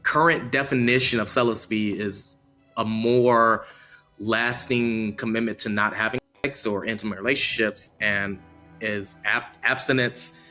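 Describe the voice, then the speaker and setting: A man's voice: fairly low pitch, fairly even intonation, a little slow, pushed and bright, faint music behind. A man being interviewed, answering tentatively and unsure of himself, laughing as he checks his understanding. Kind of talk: casual chat.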